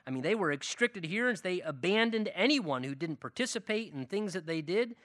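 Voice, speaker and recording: Man, pastor, sermon, emphatic preaching, lively swooping pitch, dry close sound. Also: fairly quick, dry recording. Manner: emphatic, animated preaching with listed phrases.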